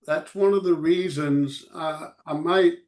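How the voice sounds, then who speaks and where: A man teaching a Bible study in short phrases, pausing for an interpreter, halting with many fillers. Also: a little high, fairly even intonation, darkish tone.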